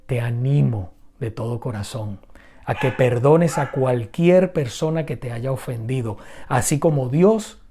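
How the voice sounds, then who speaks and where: A man's voice: medium pitch, unhurried, noisy background. A middle-aged man preaching a sermon as pastor, telling a personal story in an earnest way and building to emphatic appeals.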